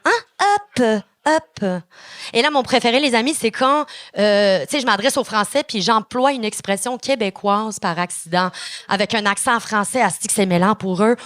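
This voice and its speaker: A young woman with a Quebec French accent doing an energetic, chatty stand-up set, swearing casually. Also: medium pitch, fairly quick, no echo, studio quality. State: a little nervous. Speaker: stand-up comedian. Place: comedy club stage before an audience.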